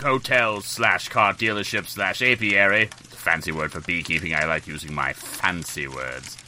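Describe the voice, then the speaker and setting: A man playing a frail, very old hotel porter with a slow, deliberate, odd and creepy delivery in a comedy role-play. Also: low-pitched, fairly even intonation, bright, forceful tone, a little hiss or hum. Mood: doddering, eager.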